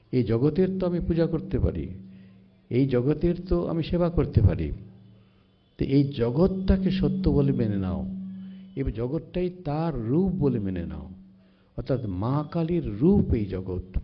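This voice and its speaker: A monk giving a devotional sermon, reciting verses slowly and retelling sacred stories in a measured way. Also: male voice, mid-range voice, a little hiss or hum. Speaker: monk giving a spiritual discourse. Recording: slightly dull lo-fi recording.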